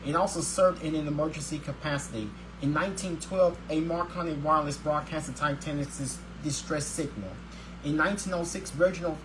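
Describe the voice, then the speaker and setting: A man's voice: fairly high pitch, background noise. A man hosting his own daily video show, upbeat and religious, who reads a scripted segment and often stumbles and restarts his words.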